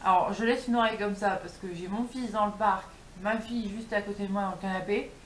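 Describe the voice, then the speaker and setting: A young woman speaks as a vlogger in an informal, chatty way, addressing her viewers directly. Her medium-pitched voice sits in a roomy, echoing home recording with faint noise behind it. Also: fairly even intonation, fast talker. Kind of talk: casual chat to camera. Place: indoors at home.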